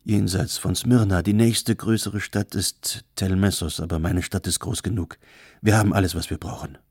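A serious, shy gentleman suitor, low and gravelly with a dark, husky tone, as read by a man. The sound is dry and close. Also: fairly even intonation, normal speed, dry recording. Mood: earnest. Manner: earnest, reserved.

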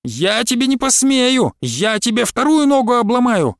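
A man's voice: a little high, moderate pace, dry recording, studio quality, close to an everyday voice. A man reading aloud, voicing a bitter, scolding old village woman in a storybook. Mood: shouting. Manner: scolding, rustic speech.

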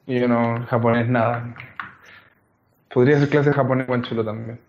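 Man, hesitant self-deprecating chat, middle pitch, dull lo-fi off-mic sound. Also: little pitch movement, moderate pace, darkish tone, slight background noise. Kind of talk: casual wrestling podcast chat.

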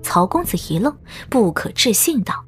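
A woman's voice: fairly high pitch, big pitch swings, moderate pace. A woman narrator reading a scripted story for an audiobook. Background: background music.

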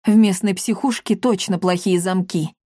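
Brief: cocky loud tomcat, excitable, a woman reading him, dry close sound. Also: mid-range voice, normal speed, no echo, close to an everyday voice. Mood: shouting. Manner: shouting, excited. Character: brash male talking cat, loud and cocky.

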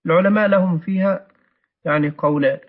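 A man's voice: high voice, quick pace. A man teaching a text, correcting the reader and explaining words, with frequent hesitation sounds. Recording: muffled lo-fi recording.

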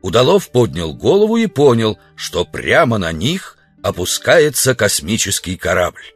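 Husky-voiced male storybook narrator. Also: fairly low pitch, huge pitch swings, measured pace, soft background music. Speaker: audiobook narrator.

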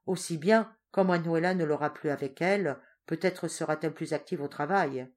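A woman voicing a greedy, scolding older peasant woman in a storybook reading, with a shrill, grumbling and wheedling manner. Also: moderate pace, natural voice.

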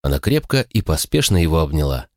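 Deep-voiced, expressive male audiobook narrator. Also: fast, no echo, clean studio sound. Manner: expressive storytelling. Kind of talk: scripted narration.

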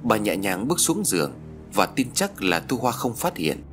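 Man, audiobook narrator, dramatic, low voice, expressive range. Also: moderate pace, faint music behind. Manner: dramatic storytelling. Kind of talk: scripted story narration.

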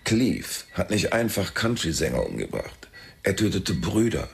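A man's voice: deep voice, sing-song, moderate pace, creaky. A man narrating and playing the detective in a radio drama, dry and laconic.

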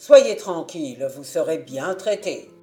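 A woman's voice: low-pitched, lively intonation, unhurried, faint music behind. A woman reading a storybook aloud and voicing a castle lord who questions his servant and rewards a guest. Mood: commanding. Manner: authoritative, loud. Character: commanding, kindly male castle lord.

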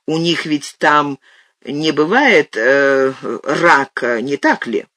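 A man's voice: on the high side, slow pace, sharp tone. A man voicing a commanding schoolmistress. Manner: imperious, clipped orders. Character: stern former schoolteacher woman, commanding.

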